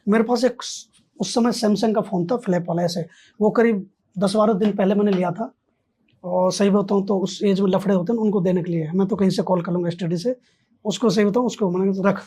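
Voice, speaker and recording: A man's voice: high voice, steady tone, brisk, mellow, husky. A man, a podcast guest, telling a story in casual conversation and acting out both sides of the dialogue.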